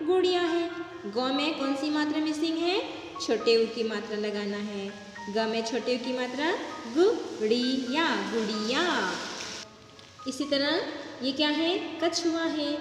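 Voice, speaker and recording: A woman teaching a kindergarten Hindi lesson, patiently spelling out words sound by sound and often checking "ठीक है" with the children. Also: high-pitched. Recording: echoey room with faint music.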